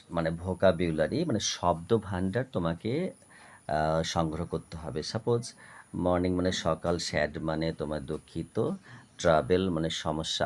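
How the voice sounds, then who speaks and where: Male tutor with a Bengali accent, low-pitched and slow, patiently explains words to young pupils. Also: darkish tone. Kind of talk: recorded lesson for children.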